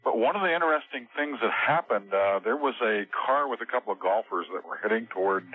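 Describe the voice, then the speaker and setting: A man heard over the phone as a radio show guest, talking in a halting way with many fillers. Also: mid-range voice, animated. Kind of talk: call-in radio interview. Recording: tinny phone line.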